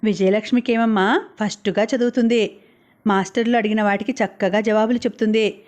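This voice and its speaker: A woman's voice: medium pitch, steady tone, a little fast, darkish tone, lightly acted. A woman voicing a polite middle-aged male tutor in an audiobook, speaking respectfully and earnestly.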